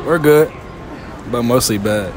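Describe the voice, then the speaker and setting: A man's voice: medium pitch, unhurried. A teenage man hosting a casual street interview in a shopping mall, teasing and joking with the people he asks. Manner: joking, teasing, laughs often. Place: large indoor shopping mall. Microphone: handheld phone. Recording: noisy mall ambience.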